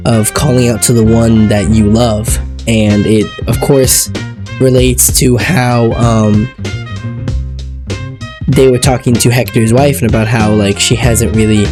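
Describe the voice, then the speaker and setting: Rambling male reviewer over background music. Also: mid-range voice. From Ecuador. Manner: rambling, searching for words. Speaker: TV episode reviewer. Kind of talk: casual review commentary. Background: music playing.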